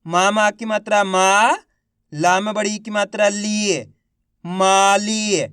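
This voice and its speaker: Male reading teacher, slow, smooth clear voice, sounds out syllables then stretches words, encouraging, dry close sound. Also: high voice, little pitch movement, fairly bright tone, no room sound. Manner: encouraging, addresses viewers as friends. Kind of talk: online reading lesson.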